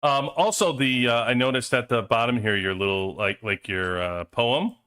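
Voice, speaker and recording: Bright-voiced male interview host. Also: mid-range voice, smooth. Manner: halting questions with many fillers and restarts. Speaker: podcast host. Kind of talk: casual interview.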